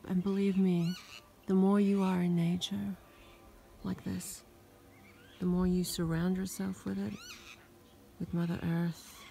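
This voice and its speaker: A woman speaks in a whispered nature ASMR vlog, low in pitch and held to a narrow, even range. She talks slowly in a soft, awed, reflective way. She is outdoors on a rural farm at dusk, picked up by a handheld phone with a light hiss behind her. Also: vocal fry. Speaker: farm vlogger.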